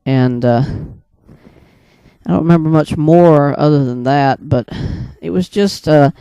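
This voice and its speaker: A video creator and storyteller recounts a dream in a casual, unscripted monologue, his mellow, smooth voice pitched a little high. He rambles, hesitates, and halts mid-thought, restarting as he goes. The sound is close, dry, and muffled.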